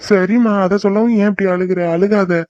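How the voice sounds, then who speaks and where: A woman's voice: mid-range voice, fairly even intonation, brisk, warm tone, dry recording, close to an everyday voice. A woman voicing a dutiful, homesick young son who works away from home, speaking earnestly and reluctantly. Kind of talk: cartoon voice acting. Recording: dull lo-fi dry recording.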